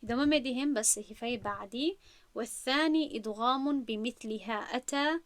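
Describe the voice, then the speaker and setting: A woman teaching Quran recitation rules, explaining patiently and slowly drawing out the recited examples. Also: on the high side, no room sound. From Central Asia.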